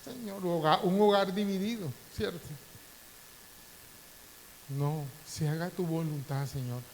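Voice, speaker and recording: High-voiced preacher man in a reverberant church. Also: a little slow, a little mellow. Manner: preaching with emotional swings, voice rising in prayer. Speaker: pastor. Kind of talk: sermon. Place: church hall. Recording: faint hiss, long church reverb.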